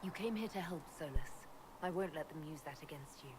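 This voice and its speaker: An actress playing an earnest, protective fantasy game hero with a direct, inquisitive way of talking. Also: female voice, sits low, fairly quick, background noise, close to an everyday voice. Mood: resolute. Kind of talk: video game dialogue.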